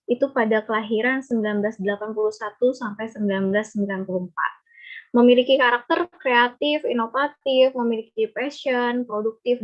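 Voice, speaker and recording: A young woman giving an online presentation at a teacher training webinar, halting with fillers as she reads her slide points. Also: on the high side. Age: young adult. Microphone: video call. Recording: dull lo-fi video call audio.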